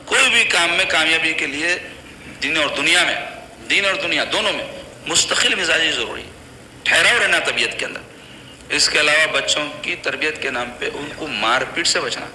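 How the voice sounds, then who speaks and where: A man's voice on the high side, expressive and sharp, carries an Islamic preacher's religious lecture on child upbringing. Speaking to a congregation, he is earnest and admonishing but phrases things plainly and conversationally, in an echoey hall with faint background noise.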